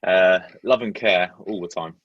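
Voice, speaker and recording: Trainer guy on a podcast, chill short answers, raspy, dull lo-fi sound. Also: sits low, unhurried, no room sound. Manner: short answers opening with "uh", easygoing. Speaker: podcast guest, personal trainer. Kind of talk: casual interview answers.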